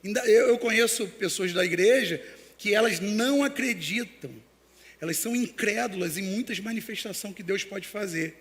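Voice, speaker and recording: A man's voice: sits high, normal speed, fairly bright tone, big-room sound. A man preaching a sermon as pastor, telling stories with many restarts. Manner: storytelling with acted quotes and many restarts.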